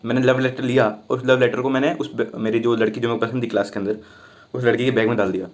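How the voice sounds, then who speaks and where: A young man casually retelling a school story from his childhood, chatty and animated, voicing the people in it as he goes. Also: mid-range voice, fast.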